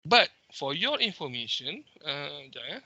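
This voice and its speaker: A man's voice: on the high side, very animated, normal speed, gravelly, very noisy. A young man with a Malaysian accent, teaching a lesson over a video call and explaining each point step by step with many "okay"s. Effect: heard over a video call meeting recording. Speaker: instructor. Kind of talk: teaching over a shared screen, mixing English and Malay. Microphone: computer mic on a video call.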